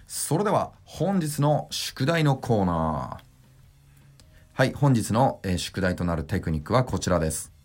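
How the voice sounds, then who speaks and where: A male voice coach explains vocal resonance on his podcast, keeping his voice low and consciously chest-resonant. His delivery rises and falls expressively as he teaches and demonstrates sounds for listeners. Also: a little mellow. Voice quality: deliberately deep chest resonance. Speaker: voice trainer. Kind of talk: podcast voice lesson.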